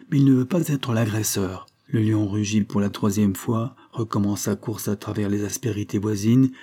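A man narrating a story as a scripted audiobook reading, with a measured storytelling cadence. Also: mid-range voice, warm tone, husky.

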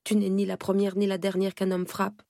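A woman's voice: medium pitch, monotone, fairly quick, vocal fry, dark tone, no echo, studio quality, close to an everyday voice. A woman voicing a harsh aunt who scolds her niece sternly and with contempt.

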